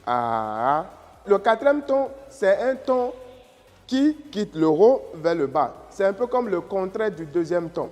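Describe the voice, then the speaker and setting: Slow, high-voiced teacher. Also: male voice, expressive, warm tone. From Africa. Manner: patient, repeats key phrases, checks understanding. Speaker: Mandarin teacher and channel host. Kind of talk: slow explanatory lesson with tone demonstrations. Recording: reverberant room with faint music.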